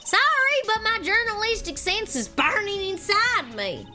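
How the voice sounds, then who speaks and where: Woman voicing a game photojournalist, young woman, brash, nosy, high-pitched, bright. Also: measured pace, soft background music, heavily acted. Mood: eager. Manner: pushy, excitable.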